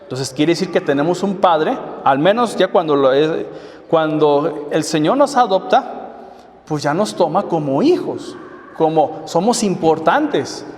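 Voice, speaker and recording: A man's voice: on the high side, expressive, measured pace, darkish tone, a little hiss or hum. A man preaching a sermon, asking the congregation one rhetorical question after another. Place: church hall. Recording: echoey hall from far off.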